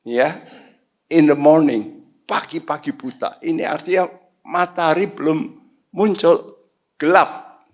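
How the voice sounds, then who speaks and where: A male pastor preaching a sermon, swinging from quiet low asides to sudden loud high outbursts, slipping in English phrases. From Indonesia. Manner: slow, deliberate, mixes in English phrases. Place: church sanctuary.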